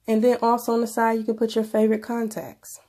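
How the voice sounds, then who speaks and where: A woman's voice: fairly high pitch, completely flat delivery, fast, dark tone. A woman with a stuffy nose from a cold, presenting a casual tech review in an informal, conversational way. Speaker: video presenter.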